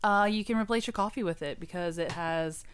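A woman with a smooth, clear voice that sits a little low chats on a casual podcast. She tells her stories in an animated, talkative way. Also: brisk. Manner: chatty, animated storyteller. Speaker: podcast co-host.

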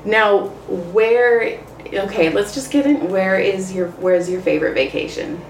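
A woman's voice: mid-range voice, unhurried, distant mic. A woman in her thirties hosting a casual chat, playful and teasing with her questions. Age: 30s. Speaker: podcast host, stand-up comedian. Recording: echoey room, away from the mic, faint noise.

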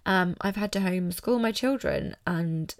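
A woman's voice: medium pitch, moderate pace, dry recording, clean studio sound. A British woman hosting a solo podcast, talking informally and candidly with an emphatic, motivational manner. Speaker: podcast host.

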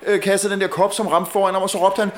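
High-voiced man telling a story animatedly. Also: a little hiss or hum. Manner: animated, repeats words and stumbles when excited. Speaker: guest. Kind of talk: casual storytelling.

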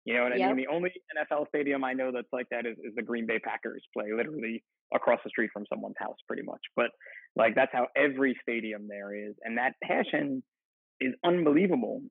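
A man's voice: mid-range voice, quick pace, creaky, slightly rough, no room sound. A man, a firefighter, chatting casually as a podcast guest, rambling with frequent laughs and restarts. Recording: dry tinny phone-like line.

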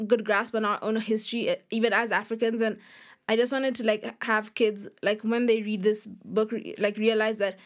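A young woman of about twenty from Nairobi, Kenya, a guest author, answers interview questions casually and often drops "like" into her sentences. Her voice is medium-pitched and flat, at a normal speed.

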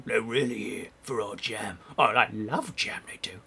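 A man's voice: fairly low pitch, moderate pace, vocal fry, pushed and bright, slightly rough, exaggerated voice. A man playing a dim, flustered informant. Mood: conspiratorial. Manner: flustered, rambling, whispery asides. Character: dim, bumbling male resistance informant. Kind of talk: comedy sketch acting.

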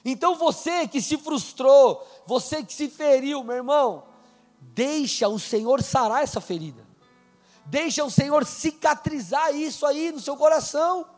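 A man preaching a sermon in a casual, conversational way, slowing down to read scripture aloud. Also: extremely high pitch, darkish tone, in a large hall, faint music behind. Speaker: pastor. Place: church hall.

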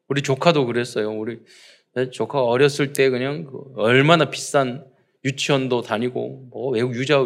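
Animated Korean pastor preaching. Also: male voice, mid-range voice, creaky. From South Korea. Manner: rhetorical questions, acted quotes of parents and children. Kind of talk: sermon.

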